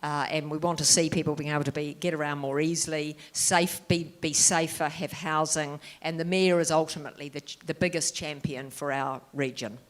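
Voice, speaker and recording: A woman speaking as a candidate at a public forum, measured and occasionally pausing on fillers. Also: sits low, fairly even intonation. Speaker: mayoral candidate.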